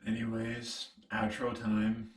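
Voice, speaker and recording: A man's voice: on the low side, monotone, takes it slowly. A man hosting a casual food vlog, bantering and doing a laid-back outro. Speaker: vlog host. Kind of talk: casual chat. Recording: echoey room, distant mic.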